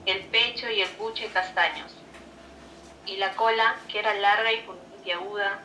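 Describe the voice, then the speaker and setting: A woman's voice: mid-range voice, steady tone, a little slow. A young woman student carefully reading a text aloud in class. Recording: echoey room, distant mic, faint noise.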